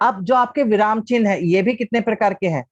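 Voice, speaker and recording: A man whose voice sits high teaches an online class at a brisk pace, patiently putting questions to the class before answering them himself. It's picked up on a video call mic with no room sound and dull, lo-fi quality.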